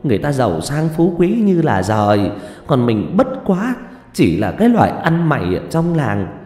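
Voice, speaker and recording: A man's voice: medium pitch, very animated, a little slow, warm tone, reverberant, big-room sound. A man voicing a poor, grieving old village mother who pleads with her son through tears. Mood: tearful pleading. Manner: tearful, pleading lament.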